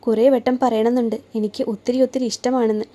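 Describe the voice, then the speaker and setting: A woman storyteller reading a romance story aloud in a soft, gentle way, lightly voicing each character in the dialogue. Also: on the high side, flat delivery, quick pace. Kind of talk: scripted narration of a romance story.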